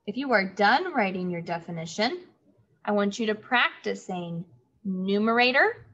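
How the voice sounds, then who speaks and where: A woman teaching third graders in an online lesson, speaking slowly and clearly and repeating key words for the children. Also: mid-range voice, sing-song, a bit bright. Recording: dull lo-fi audio.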